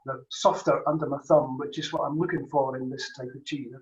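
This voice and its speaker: Here a cheese judge with a mid-range voice speaks a little fast and with fairly even intonation. He muses aloud, choosing his words carefully in a relaxed tasting commentary, heard through distant, roomy, muffled video-call sound.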